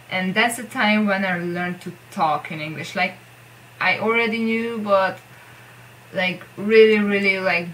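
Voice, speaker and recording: A mid-range, fairly bright female voice comes through poor audio with a little hiss or hum. The speaker, a young Hungarian vlogger using English as a second language, chats casually to camera in her poster-decorated bedroom, accented, rambling, self-deprecating, and heavy on filler "likes."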